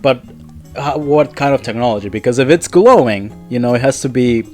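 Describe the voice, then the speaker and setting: A man in casual podcast chat, animated and breaking into laughter, often trailing off and restarting his sentences. His voice sits at a middle pitch, and soft music plays faintly in the background. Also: a little fast. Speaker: podcast co-host.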